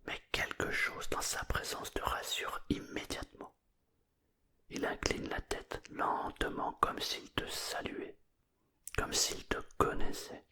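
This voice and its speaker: Breathy, slow whispered bedtime storyteller. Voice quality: breathy murmured whisper, unvoiced. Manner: slow, soothing, hushed pacing with pauses.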